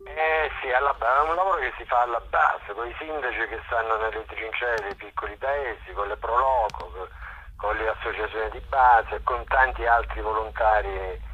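The general coordinator of a walking event, a middle-aged man from Italy's Molise region, chats as an interview guest, pausing and rephrasing while he explains and recounts things. His fairly low voice comes out pushed and bright with a breathy edge at normal speed, over a dull, phone-like radio line.

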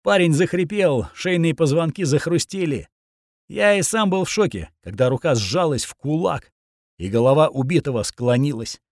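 A man narrating a first-person action audiobook in a steady, grim storytelling voice, recorded on a close studio mic. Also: a little high, moderate pace, no room sound.

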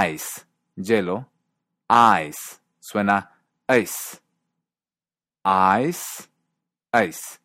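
A man hosting a podcast, explaining pronunciation and acting out sounds with deliberately exaggerated examples. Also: fairly low pitch, fairly bright tone, dry recording, studio quality. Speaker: podcast host. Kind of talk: explanatory language lesson.

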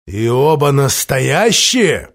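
A man voicing a huge, superstitious male ship's shaman who roars slow, drawn-out threats. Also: sing-song. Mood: suspicious menace. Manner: booming, roaring, drawn-out threats.

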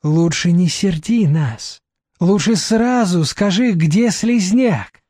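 A man's voice: sits high, lively intonation, slow, warm tone, slightly rough, dry recording, studio quality, heavily acted. A man voicing a sneering, menacing young male thug who hisses threats, in a storybook reading.

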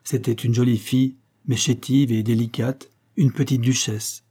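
A man reading a classic novel aloud, in a measured, solemn narration. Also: medium pitch, fairly even intonation, warm tone, husky. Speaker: audiobook reader. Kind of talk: scripted narration of a 19th-century novel.

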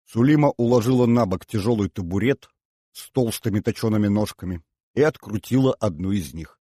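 A man reading an audiobook aloud in measured, scripted narration. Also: lowish voice, warm tone, no room sound, studio quality.

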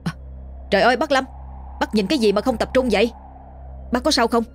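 A woman voicing a young village man, rushed, fretful and gossipy. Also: medium pitch, a little mellow, a little hiss or hum, close to an everyday voice. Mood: alarmed.

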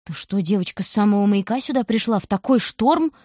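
A woman voicing a kindly, fussing old male grocer in an audiobook, worried and scolding gently. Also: mid-range voice, animated, fairly quick, no room sound, clean studio sound, natural voice. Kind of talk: audiobook reading.

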